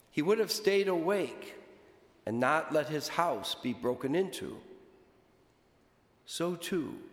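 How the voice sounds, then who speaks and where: Priest with a cathedral echo. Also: male voice, fairly high pitch. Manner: slow, measured and deliberate delivery. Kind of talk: gospel reading and homily at Mass. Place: large church. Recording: roomy church with long reverb.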